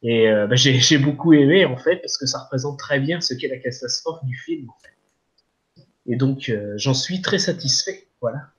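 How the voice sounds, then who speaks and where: A man's voice: mid-range voice, normal speed. A man talking casually about a film as a podcast guest, hesitant with many fillers. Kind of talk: casual film review chat.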